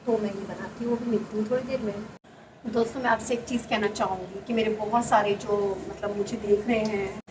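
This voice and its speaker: A soft-spoken woman in her thirties chatting casually and confidingly to her viewers in a home vlog. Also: medium pitch, steady tone, fairly quick. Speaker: vlogger. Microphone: clip-on mic, often away from it. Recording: roomy, distant, noisy home recording. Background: machine running on the gas stove.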